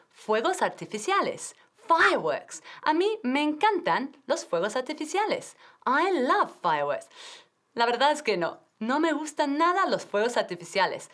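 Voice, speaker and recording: Lively woman teaching English. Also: a little high. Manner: clear, drilling pronunciation, switching between Spanish and English. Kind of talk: TV language lesson.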